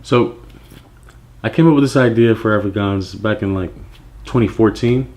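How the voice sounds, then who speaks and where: A clothing brand founder from Nigeria who grew up in the United States shares his personal story, relaxed and reflective with many fillers and restarts. His pitch is fairly low and his speed normal.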